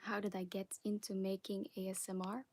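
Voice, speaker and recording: A young woman from Belgium with a Flemish accent, hosting a live question-and-answer stream, talking softly and often whispering, a little nervous. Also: mid-range voice, level tone, a little fast. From Belgium (Flanders). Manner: soft, partly whispered chat, nervous and giggly. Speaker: ASMR creator. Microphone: phone on a wobbly stand.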